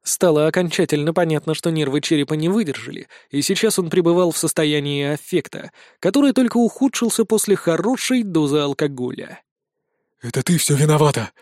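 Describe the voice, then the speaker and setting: A man reading a fantasy novel aloud with steady, dramatic narration. His voice sits fairly high, and it is recorded close and dry with no room sound. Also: brisk, few pauses, no room sound. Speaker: audiobook narrator. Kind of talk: scripted narration.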